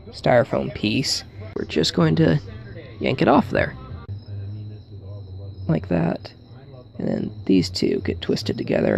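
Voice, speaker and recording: A man giving a casual hands-on tutorial, thinking aloud in a halting way as he works, with wry humour. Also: on the high side, gravelly, darkish tone. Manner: thinks aloud while working, halting, wryly joking. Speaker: hobbyist demonstrating an electronics hack.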